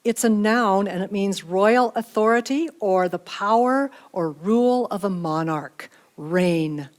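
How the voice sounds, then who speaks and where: A woman acting as spelling bee pronouncer, reading out words and definitions in a measured, clearly enunciated way. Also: medium pitch.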